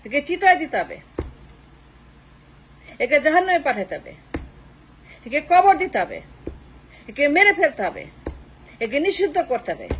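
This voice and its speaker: Emphatic high-voiced woman. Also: slight background noise, low-quality recording. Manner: emphatic, repetitive, mixes Bengali and English. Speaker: political commentator. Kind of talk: political monologue.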